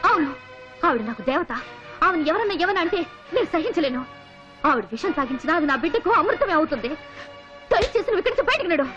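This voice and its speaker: A fiery young mother, very high and quick. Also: sing-song, muffled recording, over music. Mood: defiant. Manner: pleading then defiant. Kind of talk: TV serial drama acting.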